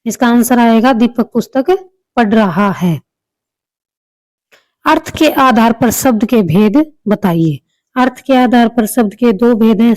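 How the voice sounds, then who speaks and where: Woman teacher explaining grammar, slightly high. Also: darkish tone, dry recording, rough recording. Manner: explains step by step, repeats answers, small restarts. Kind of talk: exam-prep lesson.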